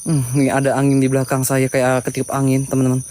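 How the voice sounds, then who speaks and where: A man's voice: medium pitch, completely flat delivery, fast, darkish tone. An Indonesian man hosting a ghost-hunting vlog outdoors, nervously commenting and muttering prayers as he goes. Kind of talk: live paranormal exploration commentary. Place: outdoors at night among trees. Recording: noisy outdoor recording with night insects. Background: crickets and insects.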